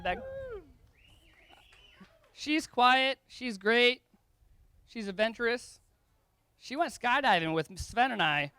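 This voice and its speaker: A man's voice: sits high, pushed and bright, clean tone, no echo. A young man giving an emotional, rambling wedding toast to his brother, tearful and laughing between lines.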